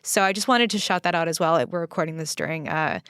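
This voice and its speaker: A woman co-hosting a podcast, relaxed and fluent, often saying "like" and "kind of". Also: low voice, fast, clean tone, no echo, studio quality. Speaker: podcast co-host. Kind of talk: casual chat. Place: New York studio.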